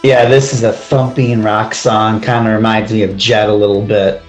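A man with a lowish voice talks through an album track by track in an easy, enthusiastic way. His voice rings a little in an echoey room. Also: flat delivery, moderate pace, soft background music. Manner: enthusiastic, leads the track order and asks his partner's view. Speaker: podcast co-host reviewing an album. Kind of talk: casual chat.

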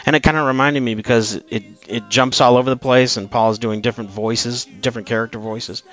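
A man's voice: medium pitch, steady tone, a little fast, a bit bright. A man co-hosting a casual album review chat, hesitant and full of fillers as he checks his notes. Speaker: podcast co-host reviewing an album.

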